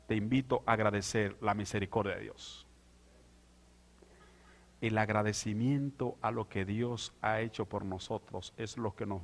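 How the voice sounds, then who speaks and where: A male pastor preaching a sermon, moving from quiet asides to loud, drawn-out proclamation. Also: lowish voice. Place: church sanctuary. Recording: church hall with long reverb.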